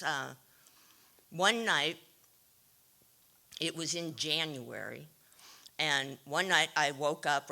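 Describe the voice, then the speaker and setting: A woman telling her own recovery story to a meeting, wry and self-deprecating, with frequent pauses and ums. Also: low voice, bright, forceful tone. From California. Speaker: AA speaker sharing her story. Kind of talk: recovery share, candid storytelling.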